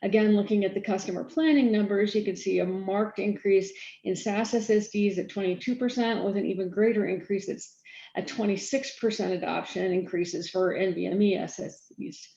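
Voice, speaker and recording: A woman giving a conference keynote on technology, talking quickly with frequent fillers and restarts. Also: medium pitch, steady tone, creaky, mellow, roomy sound, dull audio. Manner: fast-talking, self-aware about speed. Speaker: keynote speaker, storage architect.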